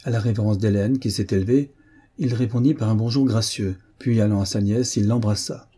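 A man reading a novel aloud as a narrator, in a measured, even storytelling delivery. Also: on the low side, breathy edge. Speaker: audiobook reader. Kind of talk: scripted narration.

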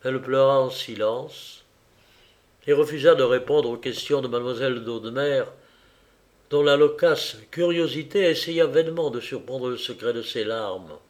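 A man narrating a classic novel in a measured, steady reading voice. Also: medium pitch. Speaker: audiobook narrator.

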